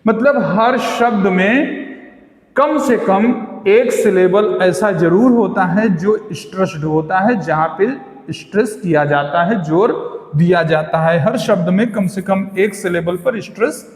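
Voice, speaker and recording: Indian male teacher for a video lesson, keeps repeating and quizzing, long room reverb. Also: sits high. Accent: Indian English. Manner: slow, repetitive, quizzing the viewer. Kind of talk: video lesson, mixing Hindi and English.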